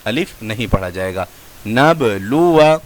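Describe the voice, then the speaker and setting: A man teaching Quranic spelling in a slow classroom lesson, drawing out each recited word in a chant and then explaining quickly in a lower voice. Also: fairly bright tone. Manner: drawn-out chanted recitation of words between quick low explanations.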